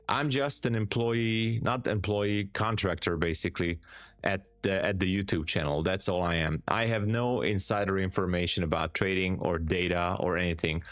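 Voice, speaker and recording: A low-pitched man with a Hungarian accent reads viewer comments aloud on a live stream and answers each calmly and casually. He often repeats words for emphasis, and the audio has no echo.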